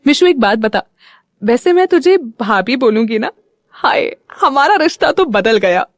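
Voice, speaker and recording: A woman voicing a bubbly, excitable young woman in an audio story. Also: on the high side, measured pace, dry recording. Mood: playful. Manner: chirpy and excitable. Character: bubbly young woman, playful best friend.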